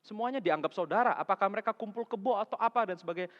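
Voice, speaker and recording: A man preaching a sermon as a vicar, in a colloquial way that swings between loud emphasis and soft asides. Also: high-pitched, rapid-fire. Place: church sanctuary. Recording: echoey hall, dull lo-fi sound.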